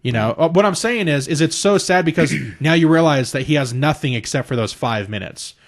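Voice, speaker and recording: A man co-hosting a wrestling podcast in casual chat, animated and profane, acting out quotes in a raised voice. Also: on the high side, a little fast. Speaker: podcast co-host.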